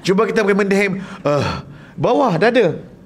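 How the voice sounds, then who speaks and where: A man's voice: high-pitched, very animated, moderate pace, breathy edge. A man with a Malaysian Malay accent teaching Quran recitation, asking the class questions and demonstrating sounds. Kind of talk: lively tajwid lesson with jokes. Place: classroom or lecture hall.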